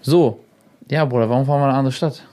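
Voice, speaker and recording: Young man, radio guest, animated storyteller, acts out quotes, casual chat. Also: medium pitch, fast.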